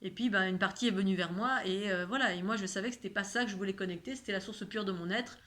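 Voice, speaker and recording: A woman's voice: medium pitch, fast, fairly bright tone. A woman with a slight lisp on her s sounds, speaking in a casual, rambling spiritual monologue and repeating words for emphasis.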